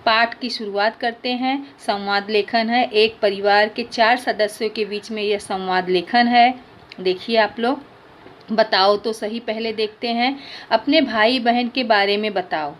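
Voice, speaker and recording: A woman's voice: on the high side, steady tone, unhurried, slight background noise. A woman teacher reading a dialogue lesson aloud and explaining words directly to her pupils.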